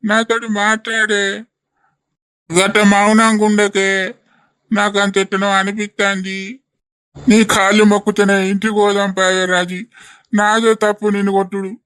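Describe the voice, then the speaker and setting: A man's voice: high voice, fairly even intonation, normal speed, pauses often, sharp tone, smooth, no echo. A man voicing a pleading old village husband. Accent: Telangana Telugu. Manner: pleading, coaxing. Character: older village husband, remorseful grandfather. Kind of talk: animated comedy voice acting.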